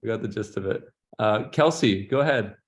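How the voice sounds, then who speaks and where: A man's voice: lowish voice, a little fast. A man hosting an online roundtable, talking upbeat with many fillers and restarts. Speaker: host of online panel. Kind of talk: casual moderating.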